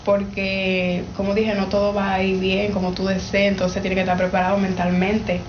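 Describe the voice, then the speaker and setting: A woman's voice: mid-range voice, completely flat delivery, normal speed, echoey room, lo-fi sound, noisy background. A nineteen-year-old woman, a young athlete giving earnest, firm interview answers.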